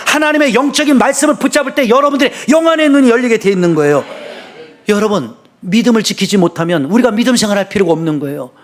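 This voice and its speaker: A middle-aged man preaching a sermon as senior pastor, swinging between fervent shouts and low, conversational asides.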